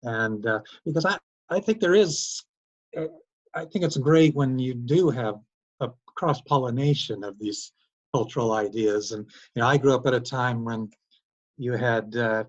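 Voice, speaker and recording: An older man and professor, giving a rambling, halting comment in a class discussion over a video call. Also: mid-range voice. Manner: rambling, halting, full of uh and restarts. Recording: dull lo-fi call audio.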